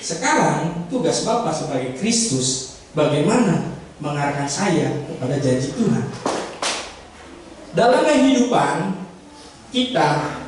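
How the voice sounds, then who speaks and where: A man's voice: fairly high pitch, sing-song, unhurried, pauses often, a little hiss or hum. Male preacher, dramatic acted sermon, pleading, big echoey church hall, distant mic. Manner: dramatic, plays a pleading sinner, addresses the congregation.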